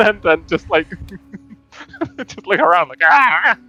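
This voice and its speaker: A man playing a tabletop game, describing his character's actions with animated, giggly storytelling. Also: high voice, slow pace, slightly rough, muffled recording, faint music behind. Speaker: player.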